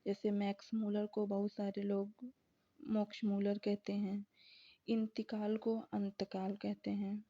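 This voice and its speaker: Woman teacher going over exam notes, slow and flat, kinda dull lo-fi sound. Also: medium pitch. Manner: slow, deliberate, reading out lists of examples. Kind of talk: exam revision lecture. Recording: dull lo-fi recording.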